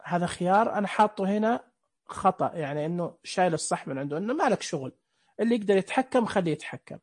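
A man's voice: high-pitched, animated, fast talker, slightly rough. A man teaching a screen reader class online, explaining each setting step by step and asking the listeners questions. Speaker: instructor. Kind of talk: screen reader software tutorial.

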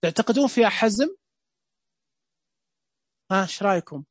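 Animated male lecturer. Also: sits high, a little fast, dry recording. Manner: animated, asks the audience rhetorical questions.

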